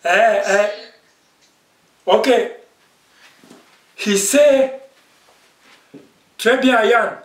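A patient male language teacher with a fairly high voice talks slowly through a vocabulary lesson in class, repeating words and often checking in with "ok?". The mic is distant and the room is echoey.

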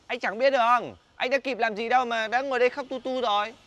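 A man's voice: very high-pitched, steady tone, fast talker, fairly bright tone. A young man, acting as a chatty coworker who coaxes a crying friend in a comedy short film. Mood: puzzled.

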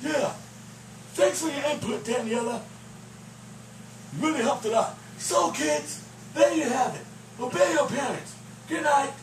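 A man's voice: very high voice, measured pace, long pauses, voice pushed up. A man voicing a cheeky male sock puppet sidekick from behind a puppet booth, bickering and mock-preachy, heard from a distance. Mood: snarky. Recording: roomy, distant voice with faint noise.

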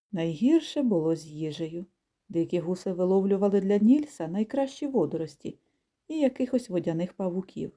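A woman reading a children's storybook aloud in a calm, measured, gently expressive way. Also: mid-range voice. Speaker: audiobook reader. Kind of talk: storybook narration.

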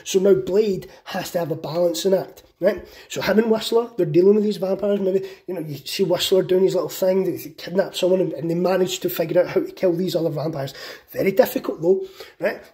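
A man casually pitching a film idea, excited and profane, with lots of fillers. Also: fairly quick. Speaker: channel host.

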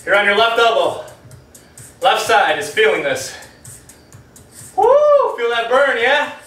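A man coaching a home kickboxing workout, energetic and encouraging, calling out moves while out of breath. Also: sits high, measured pace. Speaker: fitness instructor. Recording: echoey room from far off, music behind.

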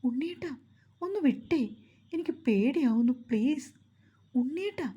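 A frightened young bride pleads in a soft, raised voice, as a woman narrator puts her on. The tone stays dark and husky. The audio-story recording sounds slightly muffled. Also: lively intonation, moderate pace. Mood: frightened pleading. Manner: soft, pleading, higher-pitched.

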